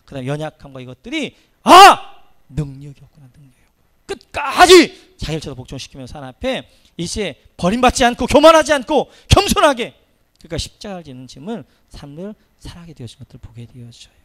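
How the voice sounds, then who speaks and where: A middle-aged man preaching from the pulpit with a high voice. His pitch leaps up and down as he moves from quiet explanation to ringing, impassioned exhortation. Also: very animated, quick pace. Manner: impassioned, swings from soft to loud preaching. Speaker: pastor. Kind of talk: sermon. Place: church sanctuary.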